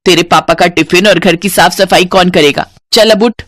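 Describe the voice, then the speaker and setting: A woman voicing a harsh, cruel stepmother in a cartoon story, who scolds in a sharp way. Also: lowish voice, moderate pace, no echo, studio quality. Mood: scolding.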